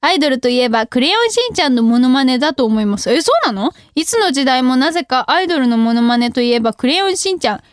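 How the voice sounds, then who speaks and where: A young female radio host reads out listener mail in a self-mocking, giggly manner during an easygoing studio chat. Her high, clear, resonant voice is animated and fast with few pauses, recorded dry and clean.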